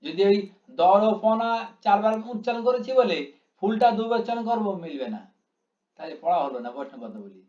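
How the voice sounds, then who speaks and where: A man's voice: high voice, animated, a little fast, darkish tone. A man teaching a class, explaining step by step and drawing out syllables to show how long they are. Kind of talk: classroom lecture. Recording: echoey room, dull lo-fi sound.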